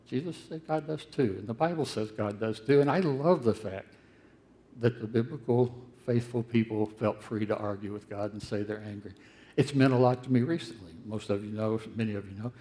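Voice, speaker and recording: An older man preaching a sermon in a conversational, earnest way, his voice swelling to loud, emphatic peaks. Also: fairly low pitch.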